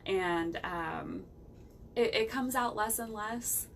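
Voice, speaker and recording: A woman's voice: medium pitch, slow, gravelly. A woman from West Virginia with a Midwestern American accent, chatting casually as a musician guest in an interview. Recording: distant mic, faint background noise.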